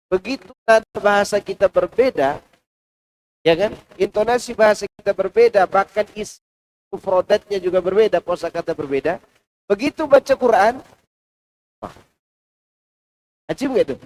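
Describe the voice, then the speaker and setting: High-voiced lively mosque preacher man. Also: normal speed, long pauses, low-quality recording. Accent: Indonesian. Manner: lively, shifting between loud and hushed delivery. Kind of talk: Quran commentary lecture. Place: large mosque.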